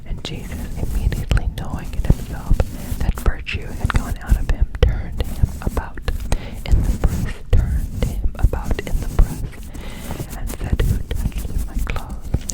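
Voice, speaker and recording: Brief: ASMR scripture reader, breathy whisper doubled with a layered second whisper, repeats lines back softly. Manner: soft unvoiced whisper, echoing phrases back in repeats. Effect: whisper doubled by a layered whisper track.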